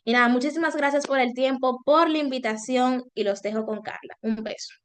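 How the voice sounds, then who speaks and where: A woman leads an online webinar in a high voice. She talks straight to her participants, and her delivery is expressive, moving between louder and softer passages and changing her intonation as she goes. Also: brisk. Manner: expressive, varies loudness and intonation on purpose. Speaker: webinar presenter.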